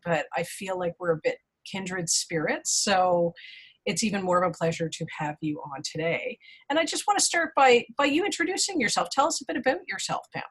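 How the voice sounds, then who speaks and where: A woman's voice: mid-range voice, breathy edge. A woman hosting an interview podcast, chatty and enthusiastic as she welcomes and questions her guest. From Canada. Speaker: podcast host.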